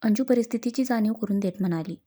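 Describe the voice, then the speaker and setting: A woman's voice: on the high side, quick pace, warm tone. A woman reading a story aloud as narrator, shifting her tone a little for the dialogue.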